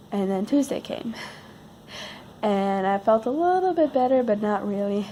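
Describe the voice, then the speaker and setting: A woman's voice: medium pitch, dark tone, a little hiss or hum, rough recording. A woman vlogger who sounds sick and losing her voice, telling a casual, rambling personal story with wry, self-deprecating understatement.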